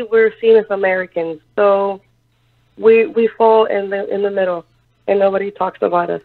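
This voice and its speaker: A woman from Puerto Rico calling in to a radio show, speaking earnestly with halting pauses and fillers. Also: medium pitch. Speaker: caller. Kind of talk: call-in radio comment. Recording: tinny phone line.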